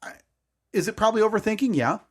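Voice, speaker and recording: Fast and expressive, with a voice that sits high, a podcast co-host in his thirties tells a casual story. He rambles and hesitates, frequently correcting himself.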